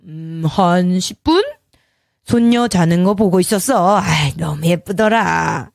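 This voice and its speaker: A man's voice: high-pitched, slow pace, vocal fry, no echo, clean studio sound, full character voice. Woman voicing a bossy older father-in-law in a storybook drama, brusque and scolding. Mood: casual. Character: older father-in-law, pushy and quick to anger.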